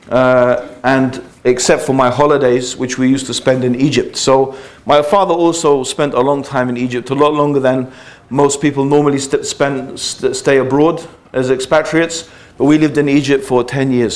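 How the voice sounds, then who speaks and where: Man giving a chatty lecture. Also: mid-range voice. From England. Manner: conversational, full of fillers and asides. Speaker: Islamic lecturer. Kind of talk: informal religious lecture.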